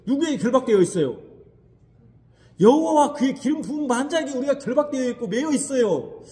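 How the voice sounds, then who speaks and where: A man's voice: extremely high pitch, lively intonation, fairly quick, warm tone, big-room sound. A man pastor preaching a Sunday sermon, sometimes slipping into the casual taunts of a tempter. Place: church sanctuary.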